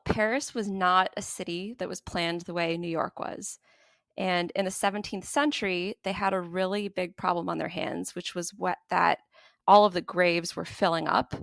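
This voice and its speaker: A woman hosts a podcast from a bedroom, laughing easily as she chats and tells a story. Her voice has a gravelly edge. The sound is dry and close. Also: lowish voice, no echo. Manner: laughs often, relaxed telling. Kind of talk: casual chat and storytelling. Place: bedroom at her parents' apartment.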